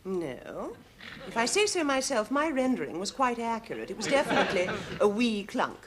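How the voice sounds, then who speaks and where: A prim, pompous wife. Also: female voice, on the high side, big pitch swings, moderate pace, crowd noise. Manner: stiffly formal, easily affronted. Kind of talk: 1970s sitcom acting.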